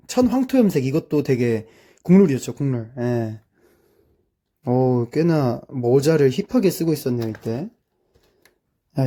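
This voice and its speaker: A young man from South Korea talks through his childhood photos in a loose, chatty way, filling pauses with easy drawn-out fillers. His voice is deeply mellow and dark, at an ordinary middle pitch for a man. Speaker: streamer. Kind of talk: casual commentary over childhood photos.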